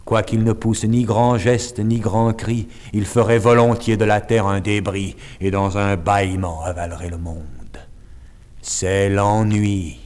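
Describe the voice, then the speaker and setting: Male poetry reader, very low and unhurried, theatrical delivery with whispered passages. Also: level tone. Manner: theatrical, swings from whispers to loud declaiming. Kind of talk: dramatic poetry recitation.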